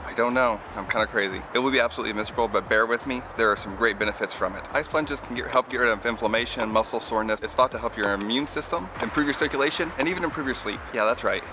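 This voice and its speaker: A man's voice: medium pitch, very fast, hardly any pauses, background noise. A man talking casually to camera outdoors as a vlogger. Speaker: vlogger doing a cold plunge challenge. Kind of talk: casual vlog talk to camera.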